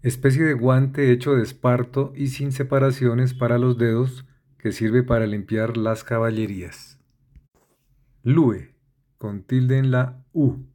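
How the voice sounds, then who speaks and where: A man reading dictionary entries in a measured way, spelling out letters and accents word by word. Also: medium pitch, warm tone. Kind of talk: slow dictionary-entry reading.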